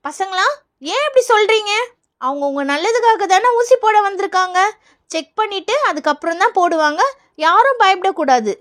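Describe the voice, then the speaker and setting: A woman voicing a calm, kind schoolteacher addressing her class in a doll play. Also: extremely high pitch, normal speed. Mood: reassuring. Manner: gently instructive.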